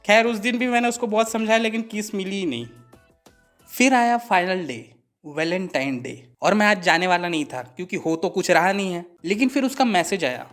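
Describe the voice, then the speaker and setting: A young man telling a comic story to camera, animated and mock-dramatic. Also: high-pitched. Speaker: comedy video creator.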